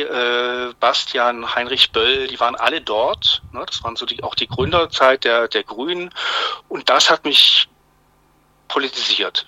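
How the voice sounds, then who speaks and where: A man's voice: medium pitch, sharp tone, dry recording, poor audio. A man in his fifties from Swabia, a journalist guest speaking on the phone, hesitant with many fillers and restarts. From Germany, Swabia. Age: 50s. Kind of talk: phone interview. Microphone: phone line.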